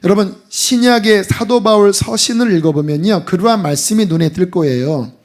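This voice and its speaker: A middle-aged man preaching a sermon as pastor, lively and emphatic, at times dropping to a hushed voice. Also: high voice, moderate pace. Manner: animated preaching, drops to hushed voice for acted asides.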